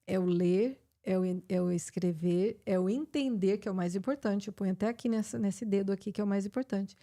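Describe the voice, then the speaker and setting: A woman's voice: medium pitch, fairly quick, warm tone. A middle-aged woman with a Brazilian Portuguese accent, an English teacher hosting a live chat and explaining with many fillers and restarts.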